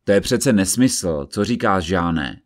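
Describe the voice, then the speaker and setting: A man voicing a stern, agitated judge who speaks in an insistent, forceful way in an audiobook reading. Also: low-pitched, lively intonation.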